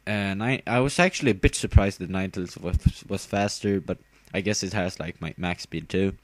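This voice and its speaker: A man's voice: low voice, normal speed, dry recording. A tired young man casually commenting on his own game battle, rambling with fillers and giggling at himself. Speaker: gamer narrating his battle.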